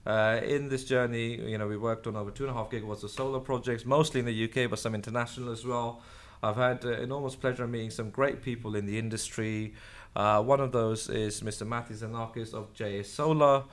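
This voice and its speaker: A man's voice: medium pitch, steady tone, brisk. A man hosts an interview and asks conversational questions that wander a little before getting to the point. He is recorded in an office. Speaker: interview host. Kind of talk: interview hosting. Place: office in London.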